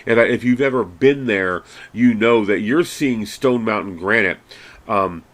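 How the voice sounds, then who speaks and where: Low-voiced man giving a rambling lecture. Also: unhurried, a bit bright. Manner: casual, rambling, many fillers and restarts; self-deprecating, chatty asides. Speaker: geology instructor. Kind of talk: recorded lecture.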